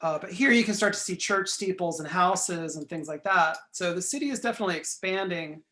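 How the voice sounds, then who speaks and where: Pointing to features on a map, a man gives a recorded lecture while losing his voice, clearing his throat repeatedly and apologizing. He sounds high, brisk, pushed and bright.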